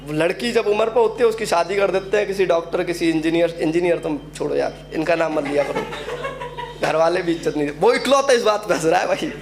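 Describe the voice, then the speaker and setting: A young man doing a stand-up comedy set, telling stories with a UP Hindi accent and acting out characters in quick asides. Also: fairly high pitch, noisy background. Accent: Uttar Pradesh Hindi. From Uttar Pradesh, India.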